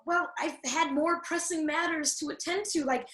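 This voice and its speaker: A woman's voice: high-pitched, steady tone, moderate pace, fairly bright tone. A woman playing a feisty, anxious fairy-tale little girl in a comedic radio play, flustered, defensive and sarcastic. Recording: roomy, echoing sound.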